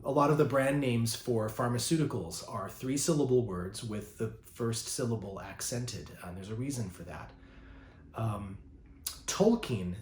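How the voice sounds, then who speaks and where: A man teaching poetry in a relaxed, thoughtful way, pausing often with ums and uhs. His voice sits in an ordinary middle range. The sound carries a noticeable roomy echo. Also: mid-range voice, a little hiss or hum. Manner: thoughtful, fond of words, many ums and uhs. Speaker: poet teaching a master class. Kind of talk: informal spoken lesson.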